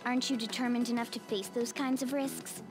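A bossy little male cat creature played by a woman in a video game, with a high, bright voice that scolds and lectures like a know-it-all. Game music plays clearly behind it. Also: steady tone, fairly quick, natural voice. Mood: impatient.

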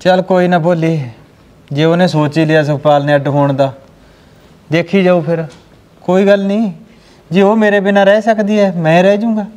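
A man's voice: high voice, steady tone, moderate pace, pauses often, a little mellow, lightly acted. A man playing an earnest, pleading village farmer. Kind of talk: village family drama acting. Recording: echoey room with long reverb.

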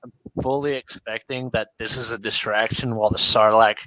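A man's voice: on the low side, fairly even intonation, fairly quick, sharp tone, no room sound, poor audio. A man playing a tabletop game, joking and rambling in character chat. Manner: jokey and rambling. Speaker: player. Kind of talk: casual tabletop play.

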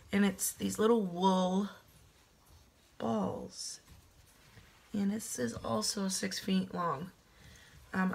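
Talking into a webcam at desk distance from her kitchen, a thirty-something woman shows off a home decor haul while her voice gives out. It's lowish and a little bright with vocal fry, and her manner stays upbeat, chatty and self-deprecating.

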